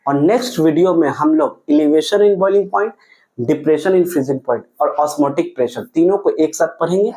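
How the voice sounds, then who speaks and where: A man's voice: fairly high pitch, measured pace, mellow, poor audio. A man teaching chemistry, asking questions and answering them himself. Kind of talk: classroom lecture.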